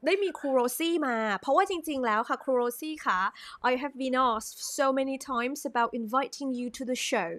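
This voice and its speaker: A woman hosting a live stream, chatting brightly and switching between Thai and English. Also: sits high, takes it slowly, hardly any pauses, no echo. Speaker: host.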